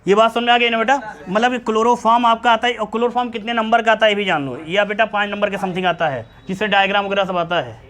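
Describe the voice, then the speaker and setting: A man's voice: high voice, fast, few pauses, a bit bright. A man teaching a chemistry class to students, often calling them "beta" and asking whether they understood. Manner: repeatedly checks understanding, calls students beta. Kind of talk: classroom lecture.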